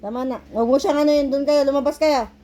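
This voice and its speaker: A woman's voice: high voice, fairly even intonation, quick pace, mellow, slight background noise. A mother at home scolding and coaxing her crying toddler with short, repeated commands.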